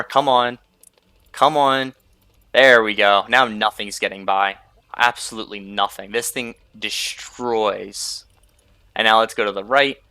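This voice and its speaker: A man's voice: lowish voice, bright, forceful tone, dry recording. A young man hosting a gaming video, rambling casually over his gameplay and filling gaps with "like" and "you know". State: sleepy, yawning. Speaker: gaming channel host.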